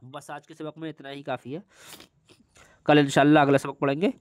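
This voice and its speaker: A man teaching Quran reading, spelling each word syllable by syllable in long drawn-out tones with quick spoken asides between, in an Indian Urdu accent. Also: on the high side, little pitch movement, dry recording, studio quality. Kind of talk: slow spelling-out recitation lesson.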